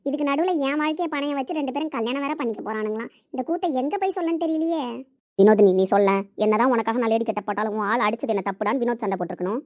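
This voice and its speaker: Casting: chatty woman host, high quick voice, exasperated commentary. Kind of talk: casual commentary.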